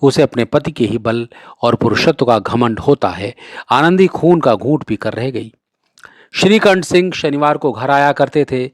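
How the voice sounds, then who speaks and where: Brief: male storyteller, medium pitch, steady expressive reading, dry close recording. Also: measured pace, no echo. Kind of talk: reading a classic short story aloud.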